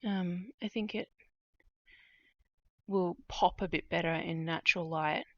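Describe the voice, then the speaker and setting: Stitching at home late at night, a woman talks on a live stream in a relaxed, unhurried way, filling her thoughts with lots of "um"s as her fairly low voice begins to give out and wear thin. The recording is dry and muffled.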